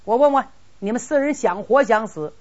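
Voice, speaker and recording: A woman's voice: a little high, animated, normal speed, a little mellow. A woman voicing a hot-tempered, brash young nobleman who talks bluntly and bossily, on a dull lo-fi recording. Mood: blustering. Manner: blunt, threatening, bossy.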